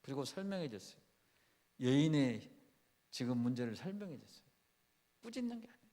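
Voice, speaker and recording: Korean pastor preaching in a reverberant church. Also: male voice, mid-range voice, sing-song, brisk, mellow. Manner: asks the congregation questions and acts out quoted speech with rising intensity. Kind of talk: sermon. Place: church sanctuary. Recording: long reverb of a church hall.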